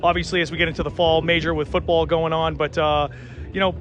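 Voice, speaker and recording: Upbeat man pitching his venue outdoors. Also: flat delivery, fast talker, fairly bright tone. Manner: upbeat pitch, many fillers. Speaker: venue operator. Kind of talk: promotional interview.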